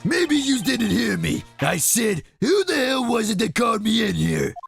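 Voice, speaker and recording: Gruff, hot-headed thug who barks threats in a mock Brooklyn accent. The voice is heavily gravelly and pushed high, with wide swings in pitch. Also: male voice, lively intonation, measured pace, soft background music, exaggerated voice. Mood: menacing. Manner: snarling, threatening. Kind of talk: live game voice acting.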